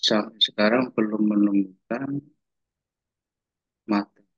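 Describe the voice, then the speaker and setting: A man, a high school teacher, asking a question during a webinar over a video call that glitches and breaks up, speaking in halting bursts as he searches for words. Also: fairly bright tone, slightly rough, dry recording. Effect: choppy, glitching call audio that breaks up. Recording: dull lo-fi dry online call.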